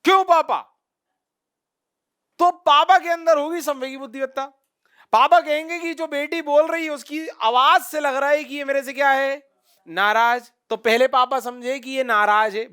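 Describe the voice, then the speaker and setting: A male teacher giving a lecture to students, telling lively stories and questioning the class directly. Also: very high-pitched, moderate pace, clear, resonant tone. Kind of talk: classroom lecture with acted-out anecdotes.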